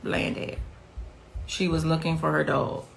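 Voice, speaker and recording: A woman's voice: low-pitched, flat delivery, unhurried, gravelly, a little hiss or hum. A middle-aged woman speaking as the mother of the victim, giving intense interview testimony and repeating key phrases for emphasis.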